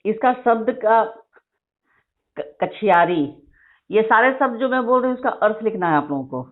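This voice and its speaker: A woman teacher dictating a vocabulary list to her class, repeating each word slowly and explaining spelling. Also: a little high, lively intonation. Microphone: phone recording of an online class. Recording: tinny phone-like screen recording.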